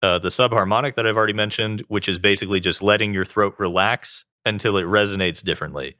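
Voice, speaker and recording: Deep-voiced man explaining at length. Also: fast, pushed and bright, dry recording, clean studio sound. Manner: talkative, explains at length with lots of "like". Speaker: guest. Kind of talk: casual interview chat.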